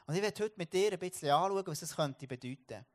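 Swiss German preacher, man, fairly high voice, loose storytelling sermon with frequent restarts. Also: animated, quick pace. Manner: storytelling, repeats and restarts words.

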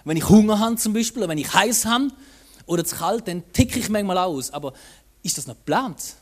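Animated preacher with a Swiss German accent. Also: mid-range voice, a little fast. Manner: animated, with rhetorical questions and asides to the listener. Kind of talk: sermon.

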